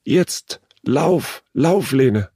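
A man's voice: on the low side, normal speed, no room sound, clean studio sound, pitched above the performer's own voice, close to an everyday voice. A man voicing a bossy, urgent older girl. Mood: shrill. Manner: urgent and commanding. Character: brave, bossy older schoolgirl. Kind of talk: read story with character voices.

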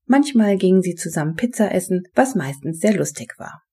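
A woman narrating a children's storybook in a calm, even reading. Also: on the low side, a little fast, husky. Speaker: audiobook narrator.

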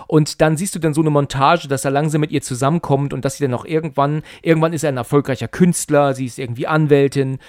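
Excited man retelling a horror story. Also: on the high side, quick pace, few pauses, no echo, studio quality. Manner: excited storyteller, many fillers and restarts. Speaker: podcast co-host. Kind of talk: casual chat.

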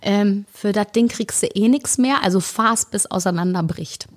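A woman with a rough, raspy voice, hoarse from a cold, chatting casually as a podcast guest. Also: mid-range voice, moderate pace. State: hoarse after a bad cold. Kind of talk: casual conversation.

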